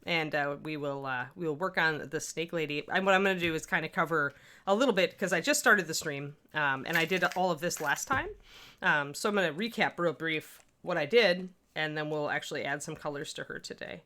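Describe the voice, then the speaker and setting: A miniature painting streamer with a Midwestern accent works through a casual livestream tutorial, talking loosely and responding to chat. She speaks fairly quickly in a voice that sits low for a woman but comes across bright and forceful.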